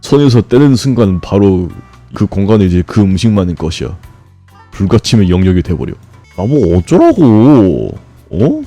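A man streaming a game, grumbling and swearing at it, then breaking into sudden high shouts. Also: normal speed, faint music behind. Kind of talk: frustrated live gameplay commentary.

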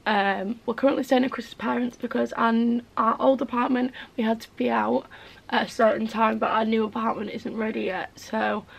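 Her voice a little high, steady, gravelly and husky, a woman in her twenties talks at a normal pace while doing a get-ready-with-me video indoors in her bedroom. This beauty vlogger is losing her voice and sounds slightly hoarse, rambling with plenty of "like" and "um" on a rough recording.

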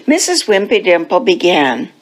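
A woman at a church service reading a children's picture book aloud, with slow, expressive storytelling. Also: on the low side, rough recording.

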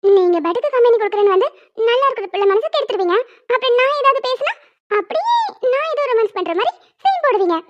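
A woman voicing a sweet, pleading young wife in a homemade cartoon, with a squeaky pitched-up voice. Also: lively intonation, fast. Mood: teasing. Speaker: voice actor. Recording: dull lo-fi recording.

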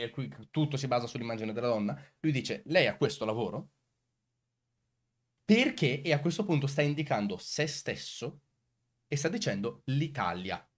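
Male commentary host, medium-pitched voice, emphatic delivery full of rhetorical questions to the audience. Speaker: video host. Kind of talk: commentary answering comments on recorded clips.

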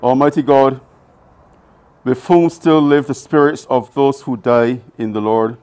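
A man reading burial prayers aloud in a solemn liturgical style, letting phrase ends fall away softly. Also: medium pitch, fairly even intonation, a little slow, clear, resonant tone. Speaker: officiant.

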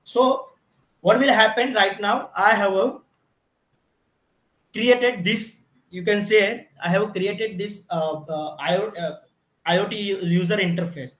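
High-voiced instructor, echoey lab. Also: male voice, measured pace, fairly bright tone. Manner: step-by-step, repeats "you can see", frequent restarts. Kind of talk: technical lab demonstration. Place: automation lab with equipment. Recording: echoey room.

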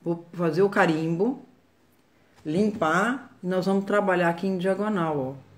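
A woman's voice: on the low side, measured pace. A Brazilian woman giving a live makeup tutorial from her phone, chatty and greeting viewers by name as she works. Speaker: makeup artist.

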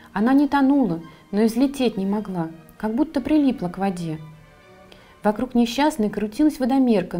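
A woman, the author, reading her own fairy tale for children, with a calm, expressive delivery. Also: fairly high pitch. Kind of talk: storybook narration for children.

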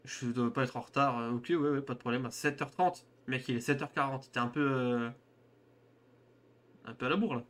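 A man's voice: medium pitch, normal speed, a bit bright. Young man, casual horror game streamer. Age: young adult. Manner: informal, slangy, joking.

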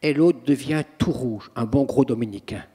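A priest and exorcist giving an anecdotal public talk, acting out scenes as a theatrical storyteller. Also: male voice, medium pitch, normal speed, mellow, breathy edge. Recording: long reverb of a hall.

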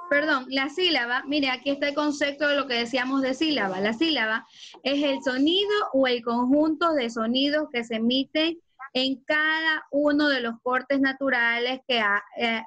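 Woman teacher, patient, explains with examples, higher voice, muffled video-call sound. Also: a bit bright. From Ecuador. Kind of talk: online class lesson.

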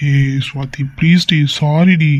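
A woman's voice: low-pitched, fairly even intonation, a little slow, darkish tone, no room sound. A woman voicing a young husband in a cartoon skit, coaxing, apologetic and playful with his wife. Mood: pleading. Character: young husband, pleading and teasing.

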